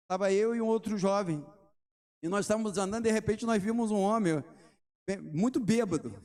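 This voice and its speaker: High-voiced Rio-preaching pastor. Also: male voice, darkish tone. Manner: preaching with rhetorical questions and testimony stories. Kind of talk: sermon.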